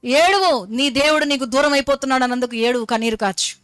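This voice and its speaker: A woman's voice: high voice, fast talker, a bit bright, no echo, faint music behind. A woman preaching a Good Friday sermon, fervent and exhorting, firing rhetorical questions and mixing English phrases into her talk.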